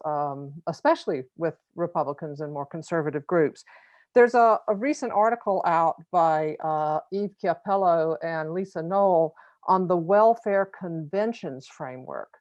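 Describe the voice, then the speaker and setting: A woman taking part in a seminar over a video call. She asks a long, measured question and comment with some fillers. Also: fairly low pitch, no echo. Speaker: seminar participant asking a question. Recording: dry, slightly dull video call audio.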